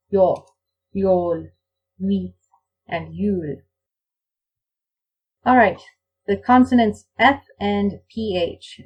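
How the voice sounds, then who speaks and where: Woman language teacher, husky voice, mid pitch, deliberate word-by-word examples. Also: dull audio. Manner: reads out example words one by one, slow and deliberate. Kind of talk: slide-show lecture on pronunciation.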